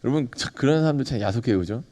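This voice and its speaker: Pastor, male, mellow tone, chatty sermon with questions to the congregation. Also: mid-range voice, expressive, rapid-fire. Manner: conversational preaching, asks the congregation questions and acts out dialogue.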